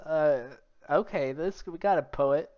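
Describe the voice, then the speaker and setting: A man's voice: fairly high pitch, unhurried. A man reading a game's story text aloud, breaking off to joke and laugh at it. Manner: jokey, laughs often, breaks off to comment. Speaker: gamer reading a visual novel aloud. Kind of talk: casual let's-play commentary, reading game text aloud. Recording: slightly dull lo-fi sound with faint music. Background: faint game music.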